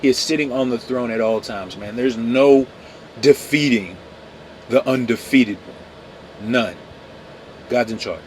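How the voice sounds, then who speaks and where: A man's voice: medium pitch, a little slow, pauses often, a little mellow. Chill dude doing a daily bible devo podcast, casual, keeps saying man, mid voice, bit of hum behind. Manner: laid-back, peppers talk with "man", self-corrects. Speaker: devotional podcast host. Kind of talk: casual Bible devotional talk.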